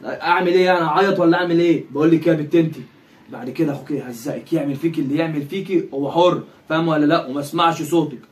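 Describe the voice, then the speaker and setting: A man playing a harsh Egyptian father, rapid-fire. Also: a little high, close to an everyday voice. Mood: scolding. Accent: Egyptian Arabic. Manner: scolding, sneering, quick-fire. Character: harsh father who favors his son, mocking and cold. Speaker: actor in a street drama. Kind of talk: amateur street drama acting.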